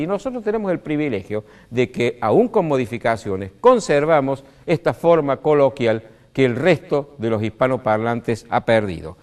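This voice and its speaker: Didactic Argentine man from Córdoba. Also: mid-range voice. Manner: didactic, lively stresses, many "este" fillers. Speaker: speaker on language. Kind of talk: explanatory talk.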